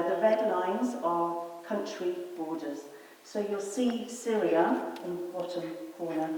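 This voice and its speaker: A woman's voice: on the low side, mellow. A woman chairing a public meeting, casually explaining the plan and background to the audience. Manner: chatty, informal, explaining. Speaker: event chair. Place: meeting room. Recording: echoey hall, distant mic, hiss.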